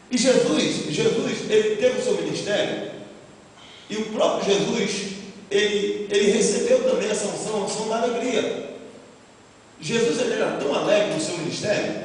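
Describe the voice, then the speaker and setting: A Brazilian man preaching a sermon as pastor, fervent and full of shouts of praise and rhetorical questions to the congregation. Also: high voice, a little hiss or hum. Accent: Brazilian Portuguese. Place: church sanctuary. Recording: echoey hall from a distant mic.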